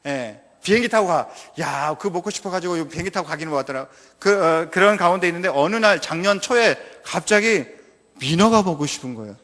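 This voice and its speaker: A man from North Jeolla Province preaching a sermon as a missionary, telling a personal story with lively humor. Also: high-pitched, brisk, few pauses, long reverb tail. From North Jeolla Province, Korea.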